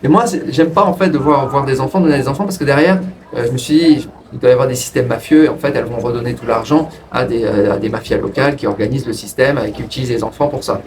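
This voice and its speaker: A man's voice: fast talker, crowd noise. Rambling man telling a story, far from mic. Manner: rambling, restarts, lively pitch jumps. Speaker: vlogger telling a personal story. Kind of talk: casual storytelling to camera. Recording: distant from the mic with faint ambient noise.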